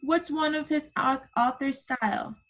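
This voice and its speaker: On a video call captured by a computer mic, a kindergarten teacher leads young children in an interactive online lesson, offering simple prompts and endearments to encourage them. Her high voice is a bit bright, fairly even in intonation, and a little slow.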